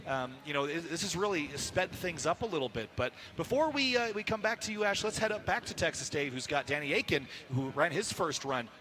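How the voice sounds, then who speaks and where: An upbeat, chatty man hosts a live outdoor broadcast from a mountain race and interviews guests. He talks fast, and his voice is bright and forceful. His pitch sits a touch above the usual for a man. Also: lively intonation, a little hiss or hum. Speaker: host.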